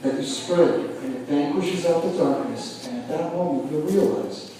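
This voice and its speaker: A man voicing a drunk older man at a bar who gives slow, solemn, hushed advice. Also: a little high, slight background noise, pitched below the performer's own voice, lightly acted. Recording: echoey club room, mic at a distance.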